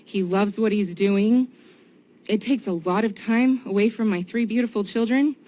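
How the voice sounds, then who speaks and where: A woman giving public comment and answering questions, sincere and somewhat halting. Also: mid-range voice, mellow. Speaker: citizen giving public comment at a county meeting. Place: indoor public meeting room. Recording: noisy meeting room ambience.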